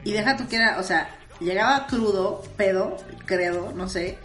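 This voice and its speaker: A woman's voice: mid-range voice, normal speed, fairly bright tone, reverberant, faint music behind. A young Mexican woman co-hosting a podcast, telling school stories in a slangy, candid, laughing way. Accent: Mexican Spanish. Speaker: podcast co-host. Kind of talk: casual storytelling chat.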